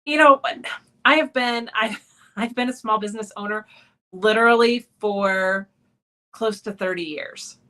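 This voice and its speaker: A woman's voice: mid-range voice, measured pace, sharp tone. A woman in her late forties from Texas, a guest answering interview questions in a friendly way, with fillers and laughs. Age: 40s.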